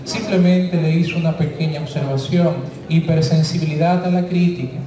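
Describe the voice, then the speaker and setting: A crowd can be heard behind this high-voiced friar, recorded from a distance in a very reverberant church. He delivers a sermon at a healing retreat in Dominican Spanish, as he is from the Dominican Republic, with fairly even intonation at normal speed. Folksy asides, homely sayings and rhetorical questions carry his teaching.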